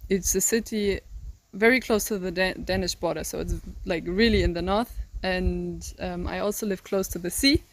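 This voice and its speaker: Speaking on the low side, a teenage German woman of eighteen from the north of the country gives interview answers in accented English, which she learned as a second language. As a volunteer guest she reflects carefully, hunting for words amid frequent ums, pauses and restarts. The interviewer holds a phone to record her in a garden outside.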